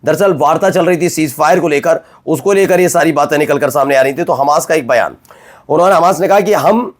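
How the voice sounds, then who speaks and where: A man anchoring a news roundup, his voice sitting a little high for a man. He talks to viewers directly and emphatically, often asking rhetorical questions before answering them. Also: fairly quick. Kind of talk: conversational news presenting.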